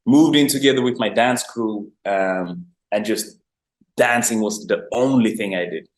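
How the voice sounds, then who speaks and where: Calling in remotely from abroad, a young man from Sweden who markets dancers online talks about his life in an unhurried, fairly low voice. His upbeat, meandering chat is packed with "like" fillers and laughs, and the audio has a roomy echo.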